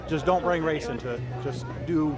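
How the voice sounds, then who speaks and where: A man's voice: on the high side, moderate pace. A man livestreaming outdoors with casual, informal chat and street commentary, swearing freely. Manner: informal, profane. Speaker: livestream host. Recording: loud music and crowd on outdoor stream. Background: loud music, crowd.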